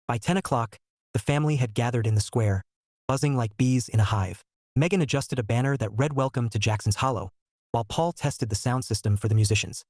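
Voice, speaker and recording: A man narrates a romantic short story in a steady, measured way. His voice sits in an ordinary middle range, recorded close and dry with no room sound. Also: medium pitch, no room sound.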